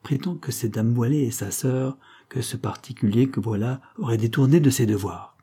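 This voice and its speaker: A man's voice: medium pitch, moderate pace, mellow, husky, natural voice. A man voicing a practical male police sergeant who speaks in a matter-of-fact, official tone.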